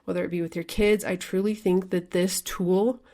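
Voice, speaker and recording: A woman's voice: fairly low pitch, steady tone, moderate pace, warm tone. A woman hosting her own podcast as a life coach, talking candidly and casually in a solo monologue, filling her speech with "like" and the odd swear word. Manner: chatty, frequent "like" fillers, candid with mild swearing.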